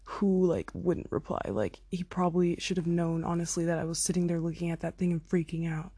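A young woman tells a long concert story into her phone, chatty and full of "like" and "oh my God," acting out what people said. Her voice is fairly low, dark in tone, and fairly quick, with slight background noise.

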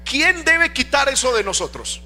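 High bright preacher, reverberant hall. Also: male voice, very animated, normal speed. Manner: preaching, emphatic, rhetorical questions. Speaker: pastor. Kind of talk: sermon. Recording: long reverb of a church hall. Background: faint music.

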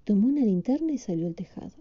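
A woman's voice: medium pitch, expressive, quick pace, dark tone, breathy edge. A woman reading a picture book aloud to a child, patiently asking questions. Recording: slightly dull lo-fi.

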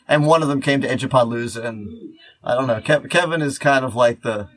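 This podcast co-host has a mid-range voice, captured with poor audio. He chats in an unscripted, meandering way, halting often, repeating himself and starting sentences over.

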